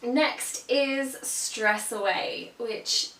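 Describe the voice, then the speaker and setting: Speaking extremely slowly in a fairly high, slightly bright voice, a young woman from Australia chats casually to camera about a product. She's a vlogger with a cold, a bit sniffly, and she gushes along with many ums. The sound is roomy and far off, carrying a faint hum.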